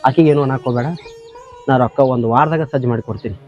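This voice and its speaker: A man's voice: medium pitch, rapid-fire, a little mellow, close to an everyday voice. A man playing a defensive tractor driver with a North Karnataka accent. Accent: North Karnataka Kannada. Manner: defensive, pleading. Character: indebted young tractor driver, defensive lover. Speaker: tractor driver in a village drama. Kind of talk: short-film acting. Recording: slightly dull audio, faint music.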